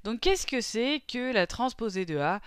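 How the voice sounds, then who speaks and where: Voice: mid-range voice, unhurried, smooth, no room sound, studio quality. A math teacher working through a recorded lesson step by step, often posing a question aloud and then answering it. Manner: steady step-by-step explaining, asks itself questions and answers them; frequent fillers while working through the steps.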